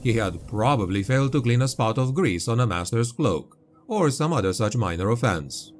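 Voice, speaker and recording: A man reading grimdark fantasy as an audiobook narrator, with grave, dark, dramatic storytelling. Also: mid-range voice, animated, moderate pace. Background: music.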